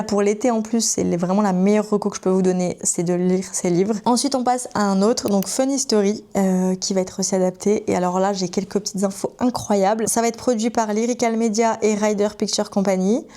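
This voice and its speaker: Gushing young French book vlogger. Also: female voice, mid-range voice, steady tone, fairly quick, hardly any pauses, warm tone. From France. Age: 20s. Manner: enthusiastic, gushing, chatty. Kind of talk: casual chat to camera.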